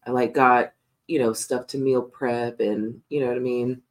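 Een vrouw die als co-host van een podcast levendig en lachend over haar week vertelt. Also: female voice, rumbling low, moderate pace. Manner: animated, laughing, chatty. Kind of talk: casual chat.

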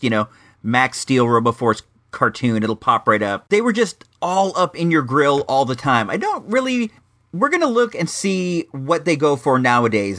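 A man's voice: mid-range voice, a bit bright. A middle-aged man hosting a vintage toy show in a rambling, slangy, casual way with wry asides. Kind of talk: casual chatty retro toy review.

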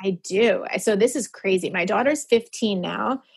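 A woman's voice: mid-range voice, moderate pace, gravelly, breathy edge. A woman in her forties talking openly and earnestly as an interview guest, emotional at times. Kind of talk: candid personal conversation.

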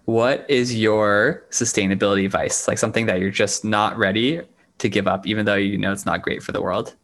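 A man hosting a podcast, asking friendly, halting questions and reading a closing outro. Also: on the low side, steady tone, fairly bright tone. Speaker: podcast host. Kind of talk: interview and scripted outro.

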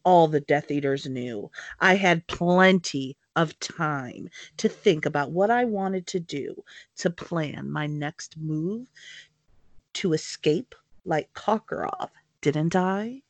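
A cold, smooth male dark wizard, read by a woman with slow, deliberate, disdainful delivery. The voice is fairly low and sits dry and close. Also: dry recording. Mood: measured.

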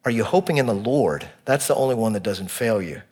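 A man's voice: on the low side, lively intonation, brisk, a little mellow, slightly rough. Man, preaching, emphatic, counting points, quoting scripture. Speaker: pastor. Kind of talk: sermon.

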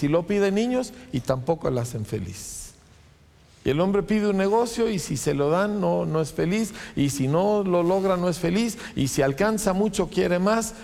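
A man preaching a sermon in a church, firing off rhetorical questions and quick asides. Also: on the high side, creaky, a little mellow. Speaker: pastor. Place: church sanctuary. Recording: long church reverb.

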